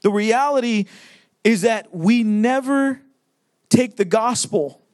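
High-voiced emphatic young male pastor. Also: no room sound, clean studio sound. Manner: emphatic, conversational preaching with repeated phrases. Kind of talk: sermon.

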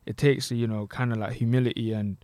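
A man's voice: medium pitch, flat delivery, fairly quick, a little mellow, no room sound. Young man, London roadman accent, street slang, casual podcast chat, dry close sound. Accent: London, multicultural urban slang. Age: young adult. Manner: London roadman-style slang, frequent tag questions. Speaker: podcast co-host.

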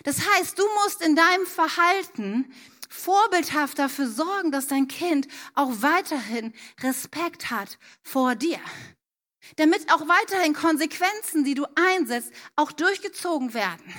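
A woman's voice: sits high, lively intonation, measured pace, sharp tone. A middle-aged woman giving an earnest church talk on parenting, speaking straight to parents in a direct, heartfelt way.

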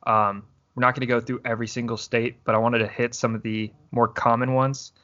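Dude guesting on a podcast, dry jokes, relaxed, kinda muffled mic. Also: male voice, mid-range voice, fairly quick. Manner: dry, laid-back humor. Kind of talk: casual podcast chat.

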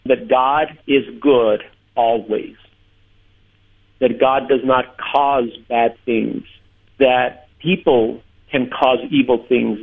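A man who is a pastor, telling his story in an earnest, measured way during a radio interview by phone. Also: medium pitch, vocal fry. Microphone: telephone. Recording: tinny phone line.

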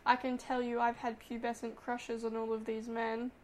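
A woman's voice: fairly high pitch, monotone, moderate pace. A woman co-hosting a podcast, chatting casually and gushing like a gossipy storyteller. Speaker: podcast co-host. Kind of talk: casual chat.

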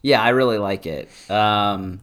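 A man's voice: on the low side, a little slow, fairly bright tone. A man co-hosting a podcast in casual chat, easygoing as he talks through what he has been watching. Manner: easygoing, reacting, recommending shows. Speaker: podcast co-host.

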